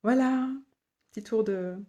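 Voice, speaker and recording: A woman's voice: fairly high pitch, measured pace, mellow, lo-fi sound. A woman hosting a casual live stream from her home office, reading viewer comments aloud, repeating them and laughing often. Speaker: live stream host, human design guide. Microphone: phone or laptop mic.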